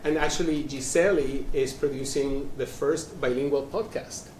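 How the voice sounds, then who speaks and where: The moderator of a live museum panel, a man with a mid-range, darkish voice at moderate pace, introduces the guests chattily, rambling and restarting many times. The live-stream audio is roomy and distant, with faint noise.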